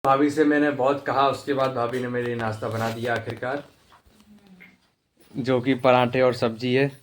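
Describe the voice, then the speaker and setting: A young man narrates his day straight to his viewers in a chatty, casual way, nursing a sore back. His voice sits at an ordinary middle pitch. A faint hiss runs under the recording. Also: level tone, normal speed. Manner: chatty, addressing viewers directly. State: back pain. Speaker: vlogger.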